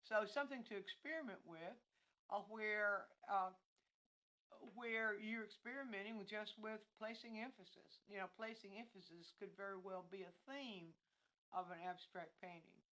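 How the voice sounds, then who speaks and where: A woman's voice: medium pitch, moderate pace, sharp tone, poor audio. Woman teaching painting, thinking aloud. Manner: thinks aloud with frequent restarts and fillers, self-correcting. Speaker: art instructor. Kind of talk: unscripted livestream art lesson. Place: outdoors with fallen leaves behind her.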